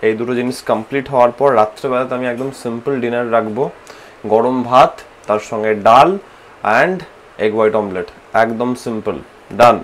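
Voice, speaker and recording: A man with a Bengali accent vlogging at home, talking slowly and softly to save energy, tired from a fast, dropping English phrases into his speech. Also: medium pitch. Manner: slow, soft-spoken, mixing English phrases into speech. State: tired and low on energy from fasting. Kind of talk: casual vlog narration. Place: home, indoors.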